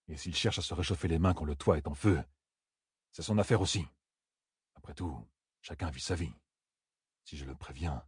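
Man doing a wry old woodsman, low and husky. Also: a little mellow, no echo, clean studio sound. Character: weathered older bearded woodsman, dry and wary.

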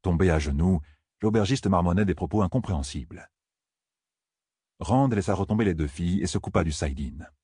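A man narrating a fantasy novel as an audiobook, in a measured, even storytelling manner. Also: deep voice, slightly rough, dry recording, studio quality.

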